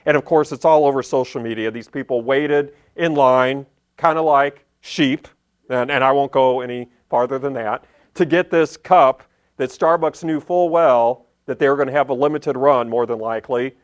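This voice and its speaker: A man's voice: mid-range voice, normal speed. A man preaching a conversational Sunday sermon as pastor, plainspoken and repeating key phrases for emphasis. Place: church service.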